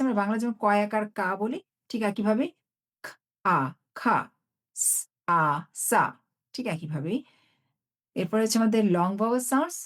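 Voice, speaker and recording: A woman teaching English phonics sounds in a lesson. She explains each sound, then repeats it and its example words slowly, one at a time. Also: mid-range voice, a bit bright.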